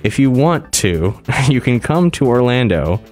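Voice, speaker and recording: A man's voice: medium pitch, big pitch swings, measured pace, a little mellow, soft background music. A man hosting a podcast in casual chat, articulating through a mouth that does not open wide after dental work. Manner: restricted articulation from barely opening mouth. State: mouth sore after wisdom teeth removal. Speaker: podcast host.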